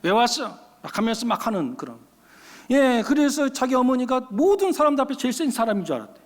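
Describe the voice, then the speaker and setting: A male pastor tells stories from the pulpit in an emphatic, folksy way, often dropping into casual speech. His voice sits high for a man. A long church-hall reverb follows every phrase. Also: very animated, quick pace. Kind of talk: sermon with storytelling. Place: church sanctuary.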